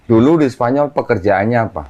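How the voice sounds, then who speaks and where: A man's voice: mid-range voice, lively intonation, brisk, a little mellow, muffled recording. An Indonesian man hosting a casual interview, asking short, simple questions and echoing the answers. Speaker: interviewer, host.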